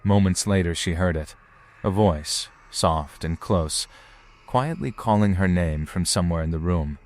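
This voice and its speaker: A man with a deep-set voice narrates scripted suspense. He speaks in a deliberate, ominous storytelling manner, as a narrator laying out mysterious incidents. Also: a little mellow. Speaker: narrator of paranormal footage compilation.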